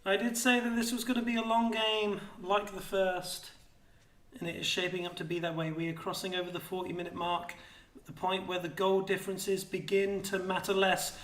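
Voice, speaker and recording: A man casting a live esports match, excitable and out of breath, shouting when fights break out. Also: high voice, moderate pace, echoey room. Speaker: esports play-by-play caster.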